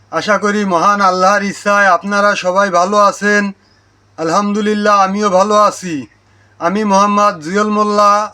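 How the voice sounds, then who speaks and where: A man's voice: sits high, sharp tone. A man with a Bangladeshi Bengali accent hosting his channel, giving a religious lesson and carefully repeating Arabic words to correct their pronunciation. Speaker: Islamic teacher and channel host. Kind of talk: religious lesson on Quran recitation.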